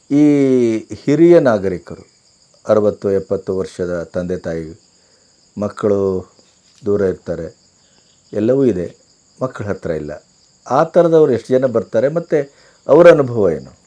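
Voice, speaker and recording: A man interviewing a guest, asking measured, polite questions in conversation. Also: mid-range voice, animated, dark tone.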